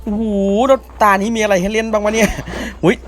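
A young man hosting a gaming channel, giving excited gameplay commentary with loud exclamations and swearing. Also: sits high, a little fast, a little hiss or hum.

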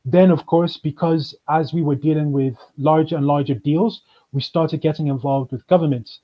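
Speaking from a plain room indoors through a webcam, a man from Kenya who manages a chamber of commerce talks as a guest in a careful, explanatory manner, often saying um. His slightly high voice holds a steady tone, and the video call audio is dull and lo-fi.

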